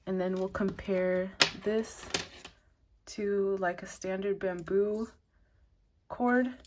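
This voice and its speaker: A woman's voice: medium pitch, fairly even intonation, slow pace, heavy background noise. A woman giving a casual, loosely organized knitting product review, rambling and dropping in lots of "like". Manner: self-described advanced beginner knitter. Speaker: knitting channel host reviewing needles.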